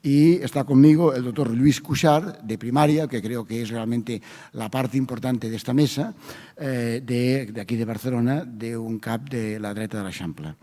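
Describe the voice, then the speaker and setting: A man with a Spanish accent moderating a medical conference session, measured with frequent fillers. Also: mid-range voice, warm tone. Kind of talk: conference introduction. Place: conference hall. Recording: long hall reverb.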